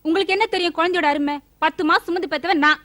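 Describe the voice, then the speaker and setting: A woman's voice: very high voice, fairly even intonation, rapid-fire, a bit bright, no echo, studio quality. An actress playing a young wife and doting new mother who chides her husband and gives him firm instructions in a stage comedy. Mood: chiding. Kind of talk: Tamil stage comedy acting.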